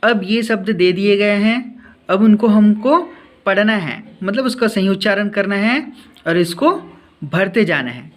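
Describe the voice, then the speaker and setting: A man's voice: sits high, a little slow. A male teacher explaining a class lesson to children, repeating points and asking them questions.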